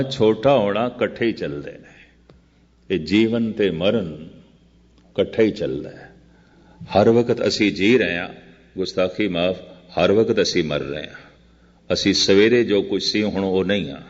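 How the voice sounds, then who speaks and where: An older man delivers a scripture sermon in slow, measured phrases, often repeating and contrasting his lines. His voice is low-pitched. The recording is dull and muffled, with a long echo hanging in the hall. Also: a little mellow. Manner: chants quoted verse very slowly. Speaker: Sikh preacher giving katha.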